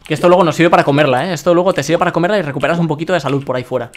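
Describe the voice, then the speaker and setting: Fast-talking Spanish streamer man. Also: on the high side. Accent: Spain Spanish. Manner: chatty, excitable, reads chat aloud. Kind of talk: live-streamed gameplay commentary.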